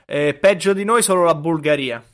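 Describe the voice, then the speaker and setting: A man with a fairly high voice co-hosts a casual comedy podcast. His manner is irreverent and conversational. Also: normal speed. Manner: irreverent, acts out imagined quotes. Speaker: podcast co-host.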